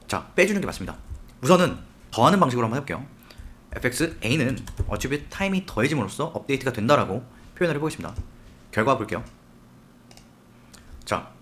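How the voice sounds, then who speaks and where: A man teaching a software tutorial step by step, often asking the viewer questions as he works. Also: medium pitch. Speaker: software instructor. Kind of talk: screen-recorded tutorial.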